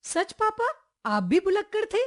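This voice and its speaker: A woman's voice: measured pace, exaggerated voice. A woman doing a whiny little schoolgirl. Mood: eager. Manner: pleading, high and excited.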